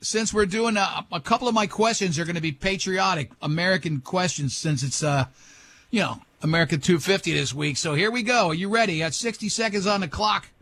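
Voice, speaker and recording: A man's voice: high-pitched, a little fast, fairly bright tone, slight background noise. A man hosting a morning radio show, joking brashly and talking over his guests.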